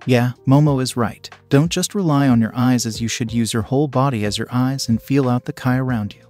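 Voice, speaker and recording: A man's voice: medium pitch, fairly quick, a little mellow, soft background music, close to an everyday voice. A man voicing an upbeat teenage boy hero in training in a fan storybook reading, casual and teasing. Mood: teaching.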